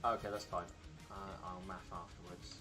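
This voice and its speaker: A man's voice: sits low, little pitch movement, moderate pace. A man running a tabletop game as game master, talking casually through the rules. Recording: music clearly audible behind the voice.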